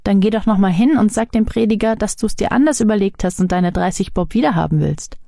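A woman's voice: mid-range voice, brisk, vocal fry, dark tone, no echo, clean studio sound, natural voice. A woman voicing an eager, caring young boy in a storybook, earnest and full of wonder.

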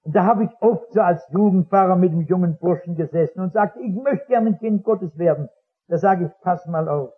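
A man's voice: sits high, moderate pace. A man preaching as a pastor before a congregation, telling stories fervently and acting out their dialogue. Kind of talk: sermon. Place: church or hall before a congregation. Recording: dull lo-fi old recording.

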